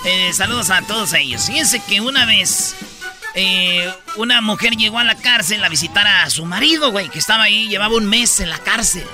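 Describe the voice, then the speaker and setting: A man's voice: sits high, moderate pace, music in the background. A man with a Mexican accent hosting a comedy show, telling jokes and acting out the characters in them. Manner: lively, acts out every character. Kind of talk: joke telling.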